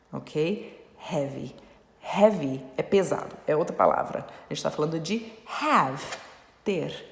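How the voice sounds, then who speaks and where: Low, gravelly woman teaching in an echoey room. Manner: explanatory, frequent "ok?" and "né?" check-ins. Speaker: English teacher. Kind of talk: online English lesson. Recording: echoey room with long reverb.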